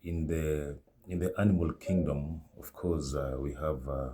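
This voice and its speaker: A man with an extremely low, dark voice delivers a reflective monologue. He pauses often, filling the gaps with drawn-out "uh"s as he searches for words. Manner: slow, halting, with many fillers. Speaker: commentator.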